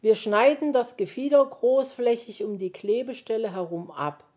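A woman voicing a clever little bird who briskly explains things. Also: on the high side, darkish tone, pitched above the performer's own voice, lightly acted.

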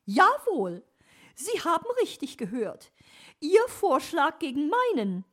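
A woman voicing a nosy, scheming female magpie in a storybook, shrill and teasing. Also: huge pitch swings, slow pace, a bit bright, full character voice. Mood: smug.

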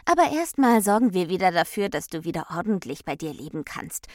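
A woman voicing a carefree female personification of Freedom in a storybook, speaking loudly and tauntingly. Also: on the low side, big pitch swings, brisk, no echo, studio quality. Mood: conciliatory. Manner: taunting, loud.

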